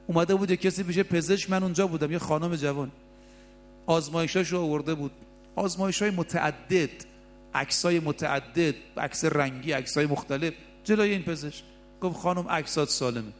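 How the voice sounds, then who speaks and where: A man preaching a sermon, passionate, moving between soft asides and raised exclamations. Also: fairly high pitch, faint music behind. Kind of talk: religious sermon.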